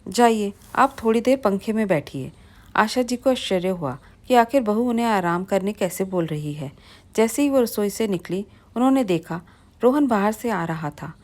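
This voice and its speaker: A woman's voice: mid-range voice, normal speed. Woman narrating a moral family tale. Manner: plain, steady storytelling. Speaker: storyteller.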